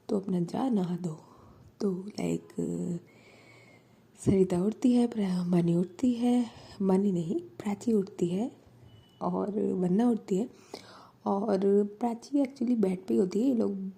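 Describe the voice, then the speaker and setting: A woman storyteller and channel host narrating a romance in a soft, intimate whispered storytelling style. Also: medium pitch, gravelly, breathy edge. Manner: soft and intimate, mixing English words.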